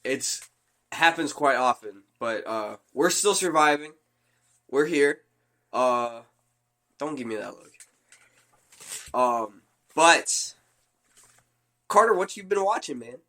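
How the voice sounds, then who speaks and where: A man's voice: mid-range voice, expressive, slow, pauses often, pushed and bright. A young man hosting a podcast in casual chat, his voice nasal as he gets over an illness, easygoing. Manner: easygoing, brief agreeing replies. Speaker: podcast host.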